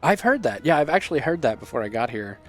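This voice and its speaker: A man's voice: medium pitch, sing-song, soft background music. A man from Texas with a Texan accent, chatting casually and jokily while playing a game with a friend. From Texas, USA. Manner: jokey, eager, quick to laugh along. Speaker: game co-host. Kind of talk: casual gameplay chat.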